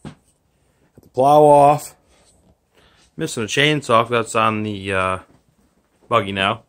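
A vlogger with a mid-range, fairly bright voice speaks slowly while filming a casual walkthrough of his garage and yard, partly outdoors. He talks offhandedly and rambles with fillers, holding his phone as he records.

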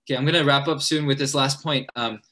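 A young adult man leading a church seminar for college students. He talks in a hurried, earnest way, with many fillers and restarts. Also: medium pitch, steady tone, pushed and bright. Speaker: college ministry leader at a church.

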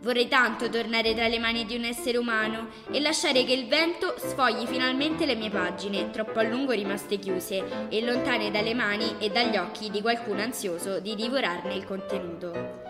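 A woman's voice: a little high, moderate pace, natural voice. Storybook role: a forgotten old notebook, male, whiny and pleading, read by a woman, with a hall echo over music. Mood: wistful. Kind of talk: audiobook reading. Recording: reverberant audiobook over loud music.

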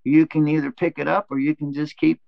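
A man's voice: on the high side, flat delivery, a little fast, vocal fry, no echo. Nenek tua yang ramah dan manis, diperankan seorang pria, suara agak tinggi, rekaman redup dan kering. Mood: sweet. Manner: sweet, calls people honey. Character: kindly little old grandma neighbor, woman. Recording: dull, dry sound.

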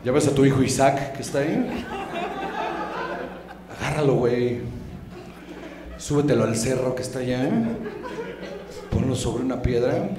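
A man with a Mexican accent voicing a crude, demanding male God who gives gruff orders in coarse slang. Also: medium pitch, fairly even intonation, measured pace, long pauses, noisy background, voice pushed down, close to an everyday voice. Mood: stern. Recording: roomy live club with audience laughter.

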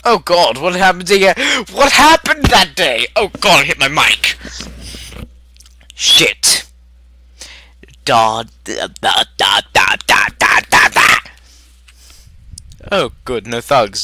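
A woman's voice: extremely low pitch, bright, forceful tone, no echo, heavily acted. A woman voicing a manic, giggling male villain clown, reacting to videos in character with crude, theatrical remarks.

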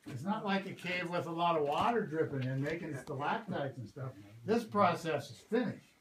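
A man working as a park ranger, giving a guided cave tour in a patient, explanatory way. He often checks in with the group. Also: on the high side. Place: visitor center lobby, then inside a cave. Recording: echoey cave with loud ambient noise.

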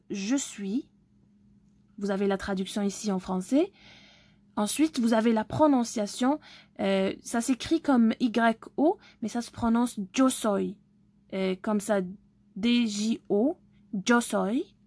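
Woman, from Algeria, online language lesson, step-by-step explaining, slow, dry close sound. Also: on the high side, darkish tone, dry recording. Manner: slow, explaining step by step, often checking understanding. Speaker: language teacher.

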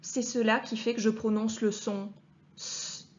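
A woman teacher giving a clear reading lesson to young children, speaking to the child directly and sounding out each letter with care. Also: fairly high pitch, level tone, highs cut off. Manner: patient, addresses the child directly, deliberately articulated sounds. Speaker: primary school teacher.

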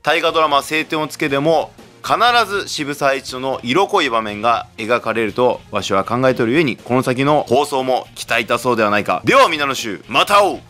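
A man's voice: medium pitch, brisk, few pauses, sharp tone, faint music behind. A man explaining history as a channel host in the persona of a samurai warlord, with archaic wording and emphatic, theatrical delivery.

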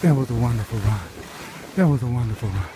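His voice sits in the mid range with lively intonation: a middle-aged man skiing outdoors and narrating his own run live to viewers, repeating short phrases while he exerts himself. He records on a handheld phone or camera, and loud wind plus rushing ambience fill the background.

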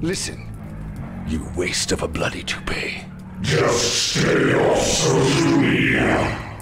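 An actor playing a smug, sardonic devil in a video game, with a British accent and a teasing, theatrical drawl. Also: male voice, extremely low pitch, wildly swooping pitch, slow, creaky, heavily acted. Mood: scornful. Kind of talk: video game character acting. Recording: game audio with music behind.

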